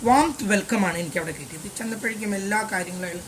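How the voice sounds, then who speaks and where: Older male maths teacher, fairly high voice, chatty storytelling lesson with English phrases mixed in. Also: racing, fairly bright tone, slight background noise. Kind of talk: classroom lesson told as a personal story.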